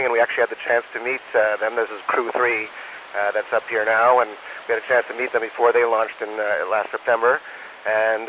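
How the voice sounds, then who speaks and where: A man, an astronaut, answering questions in an unscripted, halting way over a space radio transmission. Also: medium pitch, fairly bright tone. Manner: halting, saying "over" after each answer. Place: aboard the space station. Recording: noisy space-to-ground radio link.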